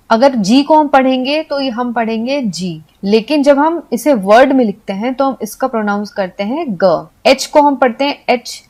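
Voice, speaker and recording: A woman giving a patient video lesson for Hindi speakers, explaining step by step and spelling letters out slowly. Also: a little high, darkish tone. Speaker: English teacher.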